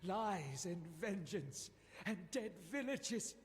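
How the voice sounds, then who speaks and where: A man's voice: sits high, very animated, slow, a little hiss or hum, exaggerated voice. An actor playing a tormented, unhinged man haunted by spirits, with fragmented, menacing speech in a video game. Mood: unhinged, agonized. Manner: unhinged, fragmented repetition, slipping into villainous menace. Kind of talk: dramatic video game character acting.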